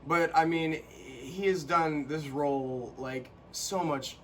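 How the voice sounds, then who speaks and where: A young man co-hosting a casual chat, animated and quick to burst into quoted lines. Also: fairly high pitch, a little hiss or hum. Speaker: co-host.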